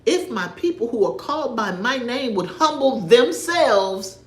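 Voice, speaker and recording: A woman speaks, telling faith stories on a livestream. She is animated and emphatic, almost preaching at times. Her voice sits a little high and rings in an echoey room. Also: unhurried. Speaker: livestream host. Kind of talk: casual faith talk on a livestream.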